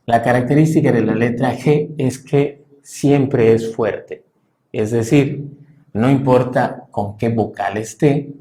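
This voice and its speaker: A man teaching a language class, explaining patiently and slowly, with frequent "eh" fillers. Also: mid-range voice, warm tone. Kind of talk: classroom lesson.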